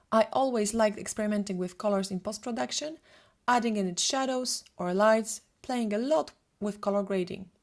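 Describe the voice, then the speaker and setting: A Polish woman in her thirties, a photographer, presents a prepared webinar. Her mid-range voice stays steady, as though she is reading from notes.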